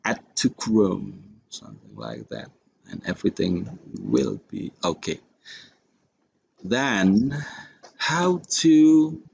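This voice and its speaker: Feeling his way step by step, an Indonesian-accented man talks slowly and haltingly through an unscripted software tutorial recorded from his screen. His voice is low and creaky, and the high frequencies are missing from the audio.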